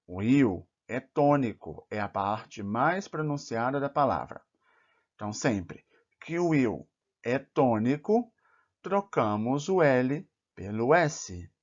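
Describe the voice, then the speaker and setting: A man teaching plural rules in a careful lesson, saying each example word slowly and clearly. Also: mid-range voice. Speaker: Portuguese teacher. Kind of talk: slow, deliberate grammar lesson. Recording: dull, slightly lo-fi recording.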